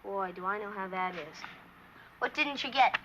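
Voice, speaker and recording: A woman's voice: mid-range voice, normal speed, close to an everyday voice. A woman playing a sassy, defiant teenage girl with a blunt, wisecracking way of talking in a 1970s TV drama. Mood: brash, teasing. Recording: muffled, faintly noisy old TV soundtrack.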